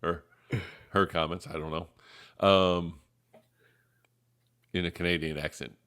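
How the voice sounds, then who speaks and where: A man co-hosting a casual live review show, rambling with lots of fillers and quick bursts of laughter. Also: low voice, flat delivery, a bit bright, clean tone. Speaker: co-host of a soda review show.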